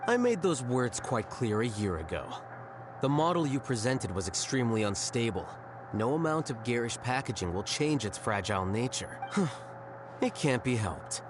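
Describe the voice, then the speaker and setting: A man plays a rational game scholar with a mid-pitched voice. He is composed, blunt and matter-of-fact, with lively intonation over clear background noise. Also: moderate pace, close to an everyday voice. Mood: coolly rebutting. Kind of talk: scripted video game acting.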